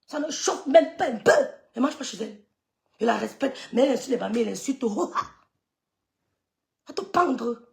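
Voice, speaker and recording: Middle-aged woman with a high, gravelly voice, scolding in a live rant. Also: lively intonation, moderate pace, pauses often, a little mellow. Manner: scolding, scornful, repeats dismissive sucks of the teeth. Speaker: social media gossip streamer. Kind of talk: heated live-stream rant.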